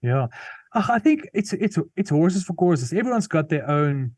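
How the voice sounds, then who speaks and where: Speaking with an Afrikaans-accented South African voice, this comedian and musician guest lays out his views in an interview with earnest thought, full of restarts and fillers. His slightly high voice is sing-song and darkish at a moderate pace, captured in clean studio sound with no room sound.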